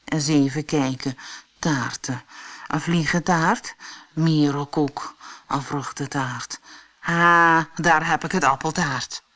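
A clumsy magical spider from a children's storybook, speaking in a calm, unhurried, matter-of-fact way, as a woman reads her. She casts spells that keep going wrong. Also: deep voice. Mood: placid. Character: bumbling magical female spider, a clumsy witch. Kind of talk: audiobook character voice.

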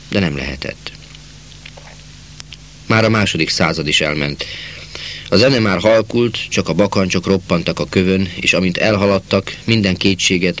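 A man narrating a literary novel in a measured reading voice, slowing down for quiet passages. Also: sits low, a little hiss or hum. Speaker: audiobook narrator.

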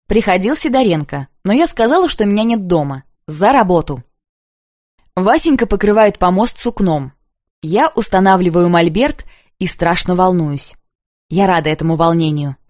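A woman reading a novel aloud in the first person, in a lively, expressive way. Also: lowish voice, normal speed, no room sound, clean studio sound. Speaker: audiobook narrator.

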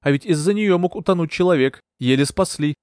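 A male narrator voicing a bold young woman bodyguard, brisk, stubborn and sharp-tongued. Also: on the high side, clear, resonant tone, no room sound, clean studio sound, voice pushed up, natural voice.

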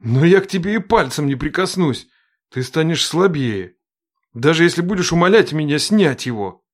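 Audiobook figure: aloof male dragon, low and dismissive, voiced by a woman. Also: lively intonation, moderate pace. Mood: cold. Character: cold indifferent male dragon Divangin.

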